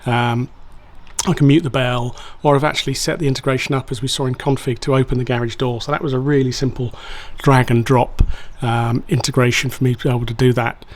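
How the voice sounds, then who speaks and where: In a casual review, a man talks through a product in a steady, mid-range voice at a fairly quick pace. His explanations are informal and a bit hesitant as he feels his way along, much like a home renovator giving an honest hands-on walkthrough.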